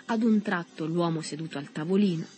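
A woman narrating a novel with a steady literary reading. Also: lowish voice, a little fast, faint music behind.

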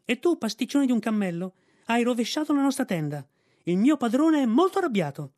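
A man's voice: very high-pitched, very animated, a little fast, a little mellow, pitched above the performer's own voice. A man voicing a small, vain, boastful female dog in an audiobook, with a yapping, haughty manner. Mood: shrill boastful. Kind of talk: audiobook reading.

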